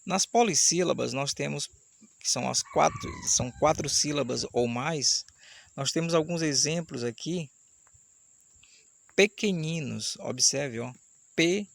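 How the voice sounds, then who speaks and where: A man teaching an online Portuguese grammar lesson, explaining step by step and slowing down to sound out syllables. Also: a little high, creaky, no echo. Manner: explanatory, slows down to spell out syllables. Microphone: camera mic, camera switched off.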